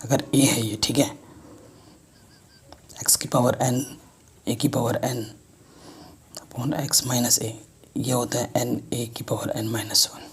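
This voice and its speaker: A man's voice: medium pitch, little pitch movement, takes it slowly, long pauses, husky. A man teaching a math lesson, explaining step by step and checking in with students often.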